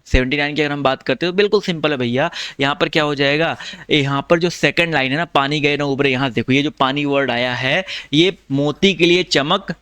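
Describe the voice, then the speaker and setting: Clear-voiced Hindi teacher, eastern accent. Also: male voice, fairly high pitch, fairly bright tone, no echo. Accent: eastern Uttar Pradesh or Bihar Hindi. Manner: explains patiently, repeats points, addresses students as brother. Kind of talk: exam-prep lesson.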